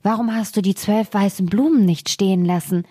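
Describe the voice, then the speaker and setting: A woman's voice: mid-range voice, brisk, warm tone, husky, close to an everyday voice. A woman doing a solemn old fairy-tale crone. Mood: grave.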